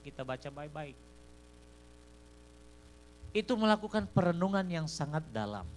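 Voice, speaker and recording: A man preaching a sermon, swinging from loud, fervent passages to soft storytelling and repeating a fond address to his listeners. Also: fairly high pitch, sing-song, moderate pace. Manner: repeats "beloved in the Lord" as a refrain. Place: church service. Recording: live stream with faint hum.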